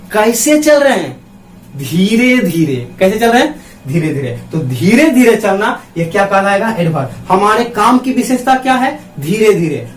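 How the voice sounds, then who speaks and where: A man teaches grammar at a classroom board. He keeps asking questions and answers them himself. The sound is roomy and picked up from a distance. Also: sits high. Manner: writes on a board with a marker. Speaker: English teacher.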